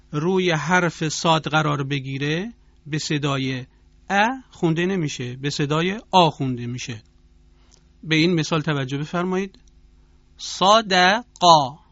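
A man teaches Quran recitation rules on a radio program, speaking in a formal, instructive way and chanting example phrases to demonstrate. His voice sits fairly high, and the recording is dry and dull in tone. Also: creaky, fairly bright tone, no room sound. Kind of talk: radio tajweed lesson.

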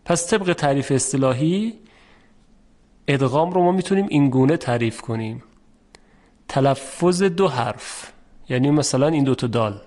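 A man teaching a lesson on recitation rules, patiently explaining step by step and repeating each example slowly. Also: medium pitch, darkish tone. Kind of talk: formal spoken lesson.

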